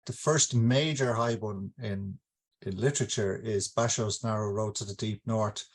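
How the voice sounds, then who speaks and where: With a lowish voice, fairly even intonation and a normal pace, a man from Ireland hosts the online launch of his book. The author's tone is informal and reflective, and he hesitates a little while explaining.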